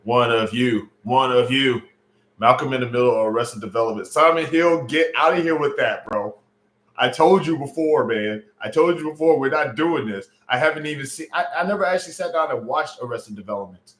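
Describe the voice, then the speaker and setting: This late-thirties man keeps his casual livestream loose, joking about viewers' comments and tossing in lots of fillers. His mid-range, fairly bright voice moves a little fast, and a roomy echo comes through his home stream mic.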